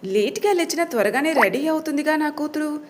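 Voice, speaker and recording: A woman voicing a gentle middle-aged father who dotes on his daughter in a storybook tale, soothing and indulgent. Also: high voice, animated, brisk, pitched above the performer's own voice. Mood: defending.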